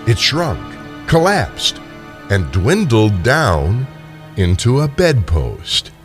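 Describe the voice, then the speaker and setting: A man narrating a scripted classic tale in a theatrical, expressive storytelling style. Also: medium pitch, extremely slow, soft background music.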